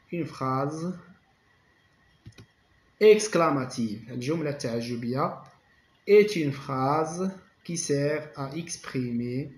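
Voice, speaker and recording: A man's voice: medium pitch, a little mellow. Moroccan man teaching French grammar, echoey. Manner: slow dictation-like French, rapid Darija explanations. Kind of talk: bilingual grammar lesson. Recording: echoey room.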